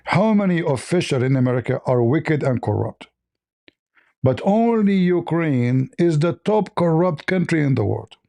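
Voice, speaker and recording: A man's voice: on the high side, big pitch swings, normal speed, vocal fry, warm tone. A man hosting a livestream, giving mocking, sarcastic commentary and repeating phrases for emphasis. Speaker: livestream host.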